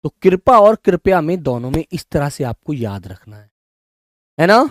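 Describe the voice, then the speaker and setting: A man teaching a Hindi spelling class online, coaxing students and repeating words slowly. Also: on the high side, very animated, dry recording, clean studio sound.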